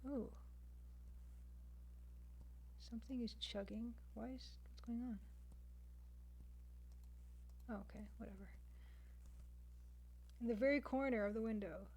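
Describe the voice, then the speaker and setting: A Canadian woman, a game artist livestreaming, talks casually with her viewers and thinks out loud while she draws. Her voice is fairly high, a little mellow and husky, and she speaks fairly quickly. The audio quality is poor.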